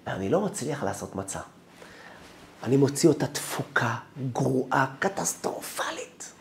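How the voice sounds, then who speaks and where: A man's voice: mid-range voice, lively intonation, creaky, a little hiss or hum. A man, a rabbi, telling a first-person story as part of a sermon.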